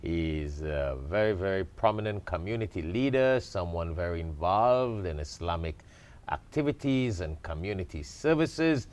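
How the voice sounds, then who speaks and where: A man's voice: deep voice, lively intonation, moderate pace, a little mellow. A man hosting a studio talk show interview, giving formal, effusive introductions and asking questions.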